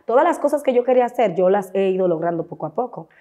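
A woman's voice: mid-range voice, lively intonation, quick pace, mellow. A woman with a Dominican accent, a guest on a talk show, telling her personal story with emotion and acting out remembered voices. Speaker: guest, content creator.

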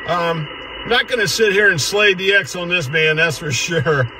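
A man's voice: high voice, normal speed. An American man in late middle age chatting casually as he operates a ham radio from inside a car. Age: 50s or 60s. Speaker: amateur radio operator and vlogger. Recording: radio static behind the voice. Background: radio noise.

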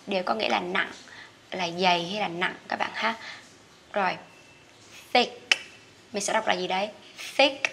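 A woman with a Vietnamese accent teaching English vocabulary, saying each word slowly and repeating it for learners. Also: mid-range voice, gravelly, pushed and bright, a little hiss or hum. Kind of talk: vocabulary lesson.

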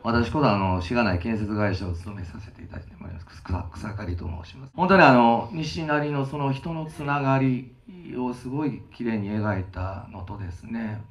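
A man's voice: medium pitch, moderate pace, few pauses. A man who heads a construction company, giving a humble stage greeting. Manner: humble, warm-hearted praise. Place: cinema theater stage.

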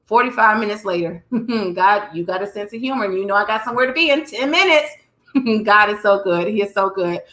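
A woman's voice: medium pitch, a little fast, pushed and bright. A woman hosting a live devotional stream, preaching with fervent, repetitive exhortation in a casual, colloquial way. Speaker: host of a faith livestream. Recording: roomy echo.

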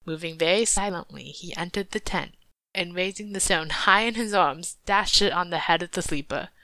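A woman reading a folk tale aloud in a steady, measured way. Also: fairly low pitch, dry recording. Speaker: audiobook reader. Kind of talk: storybook narration.

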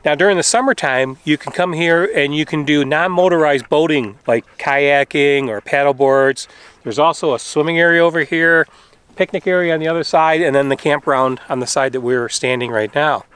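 A man's voice: fairly high pitch, moderate pace, clear, resonant tone, no room sound. Middle-aged man chatting on a travel vlog. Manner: relaxed, informative, with fillers. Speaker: travel vlogger. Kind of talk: casual travel vlog chat. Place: outdoors by a desert lake and campground. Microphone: camera held at arm's length.

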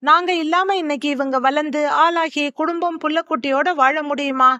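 A woman's voice: sits high, steady tone, normal speed, bright, forceful tone, no echo. A woman voicing an elderly husband, grieving and protective, who speaks in heavy, aggrieved pleading.

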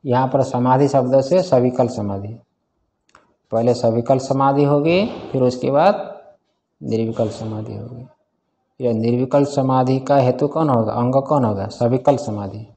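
A man's voice: medium pitch, measured pace, dark tone. A man teaching a scripture class in a casual way, often quizzing his students and chuckling. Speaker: Vedanta teacher.

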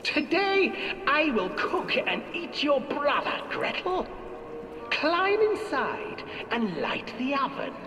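A man doing a coaxing old witch in falsetto. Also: very animated, takes it slowly, heavily acted. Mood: menacing. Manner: high, sing-song coaxing falsetto. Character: wheedling old female witch who eats children. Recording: echoey hall from far off, music behind.

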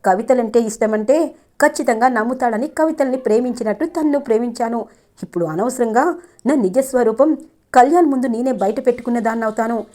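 A woman voicing a sharp-tongued, scheming young wife who taunts and coaxes her husband. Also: fairly high pitch, brisk, close to an everyday voice. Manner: taunting, then coaxing.

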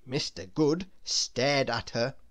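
Reading from a children's storybook, a woman with a bass voice tells the story expressively and deliberately.

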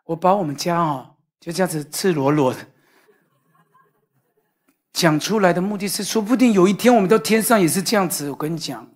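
A middle-aged male pastor, preaching to a congregation in a lively storytelling sermon that swings between loud and soft. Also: high voice, a little fast, long pauses. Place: church hall, in front of a congregation.

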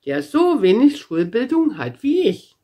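A woman's voice: fairly high pitch, very animated, a little slow, warm tone. A woman voicing a cheerful, boastful young girl in a storybook read-aloud, with a bouncy, carefree manner. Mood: merry. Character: cheerful, boastful red-haired girl, very strong.

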